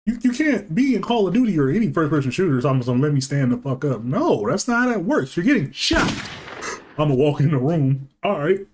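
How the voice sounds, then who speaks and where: A man's voice: a little high, very animated, brisk. A man in his thirties giving casual, slangy, teasing commentary as host of a gaming reaction show. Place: small room at home. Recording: noisy home recording with clicks.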